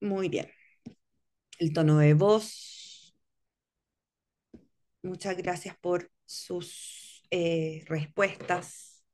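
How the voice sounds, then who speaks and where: A woman's voice: lowish voice, fairly even intonation, very slow, long pauses, darkish tone. A woman leading a teacher training workshop, explaining step by step and often checking in with her listeners. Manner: explanatory, checks in with frequent "¿cierto?". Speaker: workshop instructor. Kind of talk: online teacher training lecture.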